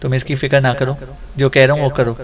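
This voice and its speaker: A man voicing a sly, joking young male secret agent in an audiobook, with teasing, deadpan banter. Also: medium pitch, fast, dull audio, natural voice. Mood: firm.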